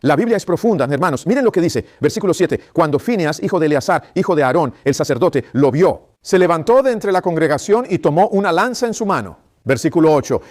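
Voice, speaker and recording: Man preaching a sermon, fairly high voice, emphatic and insistent, keeps throwing questions at the listeners. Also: expressive, fairly quick, hardly any pauses, darkish tone. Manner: fires rhetorical questions at the congregation.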